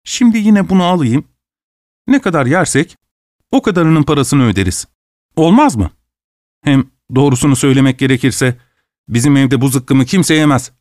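A man's voice: mid-range voice, animated, moderate pace, long pauses, a little mellow, no echo, clean studio sound, natural voice. A man voicing a stingy, anxious male host who speaks with strained, ingratiating politeness. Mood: wheedling.

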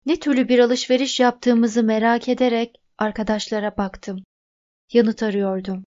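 A woman reading a novel aloud as audiobook narrator, in an even, measured way. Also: on the high side. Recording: dull lo-fi recording.

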